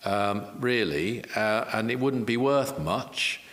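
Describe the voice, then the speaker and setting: Animated man explaining with echoey reverb. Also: on the low side, takes it slowly. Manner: earnest, repeats key phrases, self-deprecating asides. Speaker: spiritual teacher and author. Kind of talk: explanatory interview talk.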